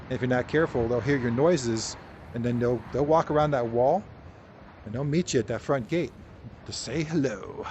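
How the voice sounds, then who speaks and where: A man giving casual, rambling VR gameplay commentary, joking and poking fun at himself, in a noisy recording. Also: medium pitch. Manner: rambling, joking, self-deprecating. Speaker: VR game video creator.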